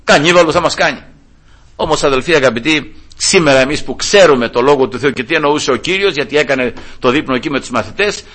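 A middle-aged man preaching a fervent sermon, retelling scripture scenes with voiced quotes and swinging from high emphatic pleas to low murmurs. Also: expressive, few pauses, a bit bright, husky.

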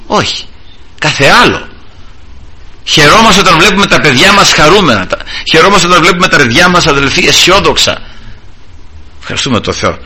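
A man's voice: mid-range voice, breathy edge. A middle-aged man preaching a sermon to a church congregation, telling personal stories and often calling out to the brothers. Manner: animated, addresses congregation as brothers, tells personal anecdotes. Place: church service.

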